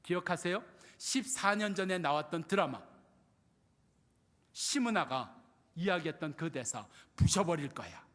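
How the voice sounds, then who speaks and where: A male pastor delivers a sermon in a high, animated voice that climbs and falls sharply. He piles up rhetorical questions and then sinks to near-whispers. The sound carries a long, ringing reverb from the church hall. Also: a little slow, pauses often. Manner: rhetorical questions, answering himself with repeated refrains; swings between loud emphasis and near-whispered asides. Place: church sanctuary.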